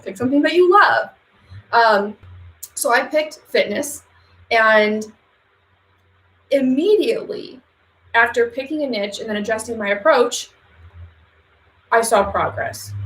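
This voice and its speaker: A woman talks business advice to camera in a casual, direct way, with repeated words for emphasis. Her voice sits a little high, and the room around her echoes noticeably. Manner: chatty and direct, with fillers and emphatic repetitions. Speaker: social media agency owner giving business advice.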